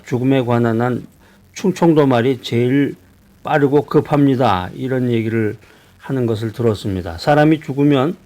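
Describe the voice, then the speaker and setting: A man from Seoul, a pastor giving a conversational sermon, asking his listeners questions and pausing on hesitations. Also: mid-range voice, a little mellow. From Seoul, South Korea. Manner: conversational preaching with rhetorical questions and frequent hesitations.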